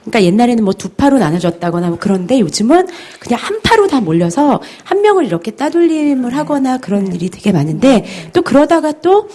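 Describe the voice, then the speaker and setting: A woman in her forties, the mother of a sixth-grade girl, asks a lecturer for advice and pauses hesitantly as she talks. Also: on the high side, big pitch swings, mellow. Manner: hesitant, many fillers. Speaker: audience member asking a question. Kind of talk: telling a story and asking a question.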